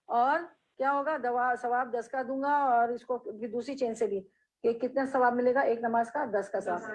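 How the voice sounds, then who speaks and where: A woman leads a hadith class. Her voice sits fairly high, and she reads each Arabic phrase slowly before explaining it and checking her listeners with questions. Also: fairly bright tone, rough recording. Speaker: religious teacher.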